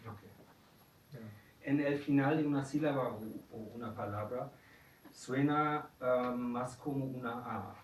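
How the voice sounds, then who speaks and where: Slow, patient teacher in echoey classroom. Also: male voice, mid-range voice, fairly even intonation. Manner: patient, modeling words for repetition. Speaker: German teacher. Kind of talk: classroom pronunciation lesson. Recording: echoey room, distant mic, background noise.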